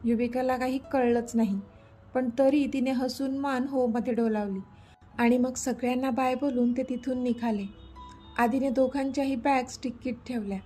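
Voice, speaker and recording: A woman storyteller reading a romantic story aloud in a steady, even way. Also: high voice, normal speed, soft background music. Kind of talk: scripted story narration.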